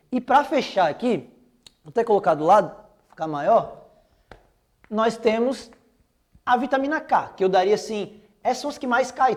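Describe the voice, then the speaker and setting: Upbeat slangy Brazilian teacher man. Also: high-pitched. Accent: Brazilian Portuguese. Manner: casual, slangy, upbeat and joking. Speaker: biology teacher. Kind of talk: online exam-prep lecture.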